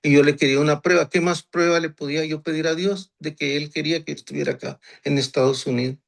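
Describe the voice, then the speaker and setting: A man in his sixties from Honduras shares his faith testimony. His voice sits a little high for a man. He speaks earnestly, often restarts, and says key phrases twice. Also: fairly even intonation, quick pace, creaky. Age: 60s. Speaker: guest giving a church testimony.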